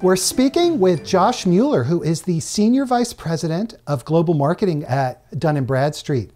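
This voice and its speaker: A middle-aged man hosting a video interview, asking brisk, prompting questions from a close camera. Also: a little high, animated, a little mellow, faint music behind. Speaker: host. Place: studio, blue backdrop.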